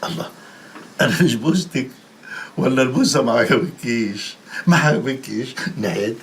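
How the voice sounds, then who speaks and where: A man's voice: medium pitch, expressive, normal speed, a little hiss or hum, close to an everyday voice. An actor playing a playful, flirtatious Egyptian husband who teases his wife.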